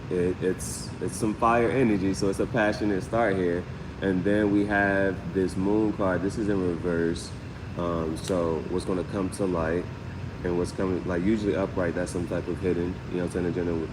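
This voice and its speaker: Running a live tarot reading against a noisy backdrop, the man speaks at a moderate pace with a deep, level voice. He drifts from point to point casually, often repeating "you know what I'm saying."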